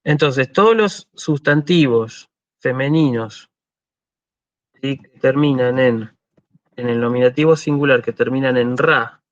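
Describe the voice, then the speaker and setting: A man with an Argentine Spanish accent giving a university lecture, explaining patiently and often checking "¿sí?", slowing down to spell out forms. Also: medium pitch, no echo, highs cut off. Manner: explanatory, checks understanding with frequent "¿sí?"; slows to spell out Greek forms. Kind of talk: online lecture.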